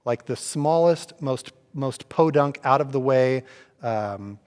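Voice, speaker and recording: A man from Oregon, a pastor in casual church conversation, telling animated stories and acting out other people's lines. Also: medium pitch, slow pace, smooth, in a large hall. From Oregon, USA.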